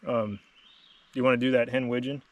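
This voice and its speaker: A man's voice: medium pitch, little pitch movement, brisk, no room sound, far from the mic, narrow, tinny audio. A man giving a casual, plain-spoken instructional product demonstration as host. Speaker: host demonstrating duck calls.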